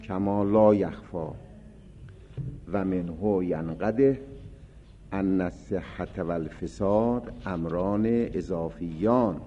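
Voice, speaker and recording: Man, seminary lecture, reads text then explains, deep voice, dull lo-fi recording with faint hiss. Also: warm tone. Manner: raises voice for emphasis while explaining. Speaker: seminary teacher. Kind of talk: seminary lecture on Islamic legal theory.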